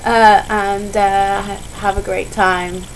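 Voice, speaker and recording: A young woman vlogs from home in a noisy recording, ill and with her voice on its way out. Her medium-pitched voice stays level and slow as she rambles casually, wanders onto tangents, and keeps interrupting herself.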